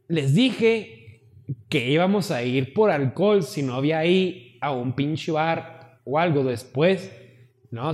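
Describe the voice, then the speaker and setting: Podcast co-host, Mexican man, slightly high voice, animated storyteller, reverberant room. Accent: Mexican Spanish. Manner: profane, animated, acts out quoted friends. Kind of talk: casual storytelling among friends.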